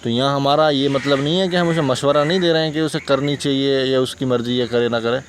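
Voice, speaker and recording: A man's voice: medium pitch, brisk, a little hiss or hum. A man with a Hindustani accent teaching English grammar, patiently repeating examples and checking that listeners follow. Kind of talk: explaining grammar lesson.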